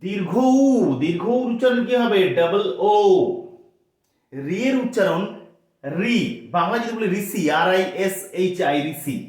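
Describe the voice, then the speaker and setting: Guy teaching letter sounds, slow and patient, high voice, super echoey room. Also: lively intonation. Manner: slow, patient, repeats each sound several times. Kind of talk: spoken language lesson.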